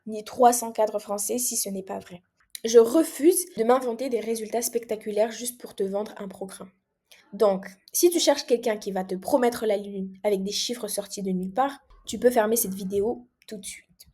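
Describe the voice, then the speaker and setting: A young woman from Mayotte, a language coach, speaking straight to the viewer in a persuasive pitch video. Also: moderate pace, warm tone. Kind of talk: direct-to-camera pitch video.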